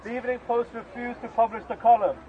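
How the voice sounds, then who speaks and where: A man's voice: very high-pitched, steady tone, fast. A man speaking at an outdoor street rally, impassioned, calling on the crowd. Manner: impassioned, leads chants. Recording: tinny lo-fi outdoor recording.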